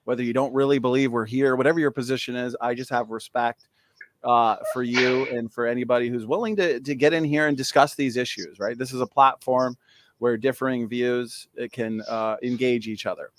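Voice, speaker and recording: A man's voice: mid-range voice, fairly even intonation, a little fast, no echo. Friendly male host, upbeat chatter, dry studio-close sound. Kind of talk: casual debate hosting.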